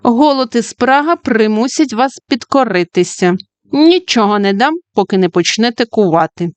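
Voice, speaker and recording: A stingy, scolding old witch from a fairy-tale audiobook, played by a woman narrator. Her voice jumps high and shrill as she taunts and threatens. The recording is dry and close. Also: lively intonation, moderate pace, no echo, close to an everyday voice.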